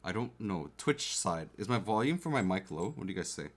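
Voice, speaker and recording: In a low, very animated voice at a fairly quick pace, a man builds a keyboard on a livestream, talking casually and checking in with viewers. Faint keyboard clicks and typing come through his desk mic, placed close to the keyboard.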